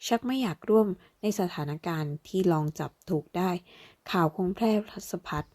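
A woman narrating a fantasy novel aloud, slowing down as she voices the characters. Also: on the low side, animated, darkish tone. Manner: voices characters with slow, deliberate delivery. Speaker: audiobook narrator. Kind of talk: dramatic novel reading.

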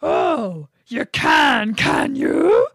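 A big storybook bear growls out his words, loud and drawn out, as a woman reading aloud puts him on. He sounds gruff and forceful, with a dry, close sound. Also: sits high, big pitch swings, very slow, no echo, pitched above the performer's own voice, exaggerated voice. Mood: growling.

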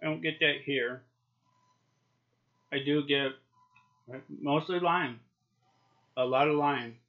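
With a lip full of dip, a man in his forties gives a casual, chatty product review to camera for YouTube. His voice is on the high side and slow-paced. He's indoors in a small home office, and the webcam audio is dull and lo-fi.

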